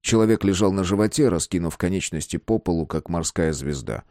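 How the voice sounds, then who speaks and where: Man, audiobook narrator, lowish voice, lively intonation, dry close sound. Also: a little fast, no room sound. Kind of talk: scripted narration.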